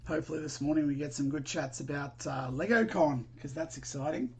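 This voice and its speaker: Chatting while he builds on a casual live stream, an Australian-accented man answers viewers and offers them friendly, informal greetings. His voice is a little high, slightly mellow and a bit rough, and although he speaks briskly, his thinking aloud is hesitant and rambling.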